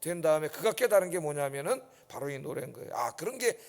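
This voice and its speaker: Very animated and fast, a man on the high side of the pitch range preaches with vocal fry creeping in. It's an emphatic early-morning sermon, and he keeps checking in with his congregation. The sanctuary gives it a long reverb.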